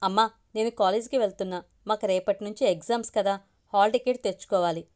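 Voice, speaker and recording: A woman's voice: medium pitch, fast, a little mellow, natural voice. A woman voicing a chatty college girl. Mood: worried. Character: young college girl, playful daughter.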